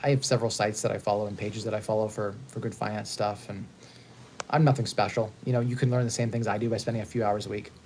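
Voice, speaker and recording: A man in his thirties hosting a casual live stream, upbeat and talking in quick bursts with frequent restarts. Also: on the low side, little pitch movement, darkish tone, slight background noise. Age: 30s. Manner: fast-talking, upbeat, repeats and restarts words. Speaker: host. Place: hotel.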